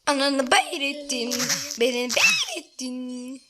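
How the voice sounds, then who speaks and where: A woman chatting excitedly and swearing while playing a phone game with her older sister at home, often shouting and laughing. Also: high voice, slow pace, very noisy. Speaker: gamer recording gameplay with her older sister. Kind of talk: excited casual gameplay chat.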